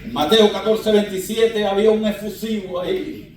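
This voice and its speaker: A pastor preaching a fervent sermon, calling on the congregation to shout amen, heard from a distance in a large church. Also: male voice, high voice, fairly even intonation, normal speed, heavy reverb, noisy background. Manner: fervent, calls out for amens.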